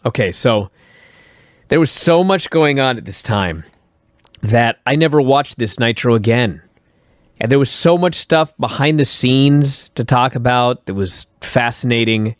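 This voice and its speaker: A man hosting a podcast, recapping old wrestling shows in a profane, animated way and acting out quotes. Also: medium pitch, unhurried, no room sound, studio quality. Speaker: podcast host.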